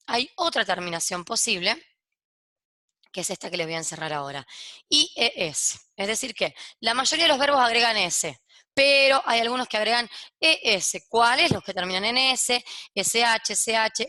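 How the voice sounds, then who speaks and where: Bright woman teacher, walks kids through english verb endings one by one, keeps asking ok?, dry close sound. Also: on the high side, no room sound. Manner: explains step by step, checks in with "¿ok?" after each point; switches between Spanish explanation and English examples. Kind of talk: recorded grammar lesson for kids.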